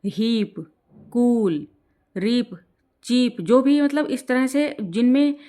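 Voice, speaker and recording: Female teacher with a higher voice, giving an exam-prep grammar lesson and stopping often to check in. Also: dark tone. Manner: explains in Hindi, slows down to read English rules aloud; repeats "ठीक है" to check in with learners.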